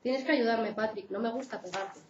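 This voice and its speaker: A woman's voice: fairly high pitch, normal speed, close to an everyday voice. A woman with a Spain Spanish accent reading the lines of a volatile, abusive male partner aloud from a book. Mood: tender. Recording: roomy, dull lecture recording.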